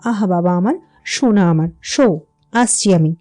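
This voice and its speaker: A woman voicing an anxious, scolding village mother in an audio story, fussy and quick to rise when worried. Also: on the low side, warm tone, soft background music, lightly acted. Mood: tender.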